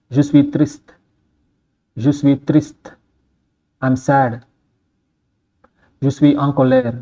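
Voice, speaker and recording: A man reads out a scripted list of phrases at a very slow, deliberate pace. His voice is mellow and dark, and he says each line twice before giving its English meaning. The delivery is steady and measured. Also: mid-range voice. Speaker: language teacher.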